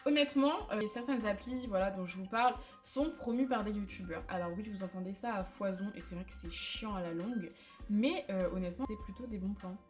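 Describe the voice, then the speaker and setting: A woman's voice: medium pitch, brisk. Chatty French-speaking woman vlogger. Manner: chatty, candid, self-mocking, many fillers. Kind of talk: casual chat to camera. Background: faint background music.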